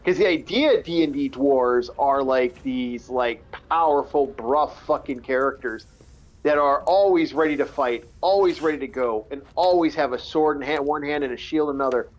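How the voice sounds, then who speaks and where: A man's voice: medium pitch, normal speed. A man casually chatting about fantasy games on a live stream, rambling and swearing freely. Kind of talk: casual chat while gaming.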